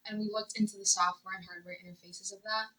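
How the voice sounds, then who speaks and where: Bright, flat-toned young woman from Miami. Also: mid-range voice, quick pace, low-quality recording. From Miami, Florida, USA. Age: young adult. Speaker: undergraduate guest. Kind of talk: casual interview.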